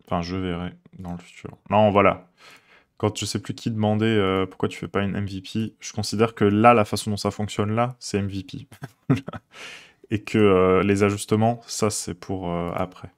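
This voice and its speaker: A man chatting casually with his viewers while he codes on a live stream, rambling with many fillers and quick chuckles. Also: lowish voice, fairly even intonation.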